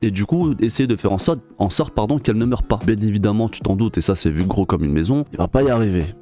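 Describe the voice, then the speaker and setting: A man's voice: lowish voice, lively intonation, fast, warm tone, faint music behind. A man giving a casual, slangy manga review straight to the viewer. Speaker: manga reviewer, video host.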